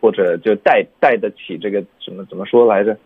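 A man teaching English pronunciation on a radio program, explaining patiently and sounding words out slowly. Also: on the low side, fairly even intonation, slightly rough, no room sound. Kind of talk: radio lesson chat. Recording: narrow phone-like sound.

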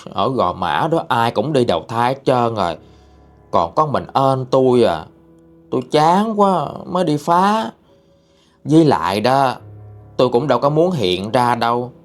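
A man voicing a petulant female ghost speaking through a possessed young man, in a shrill, womanish voice with a Southern Vietnamese accent and a whiny, sassy manner. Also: sing-song, measured pace, faint music behind. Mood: pleading.

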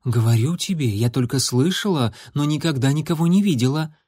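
A man voicing a gentle, chatty female house cat who fusses over her kitten in a storybook reading. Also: a little high, animated, brisk, breathy edge, dry recording, clean studio sound. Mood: uneasy. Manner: fussing, purring, breathless questions.

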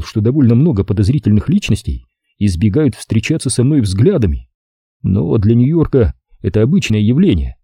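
A man narrating a first-person audiobook in a wry, measured storytelling manner on a close studio mic. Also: on the low side, mellow, slightly rough, no room sound.

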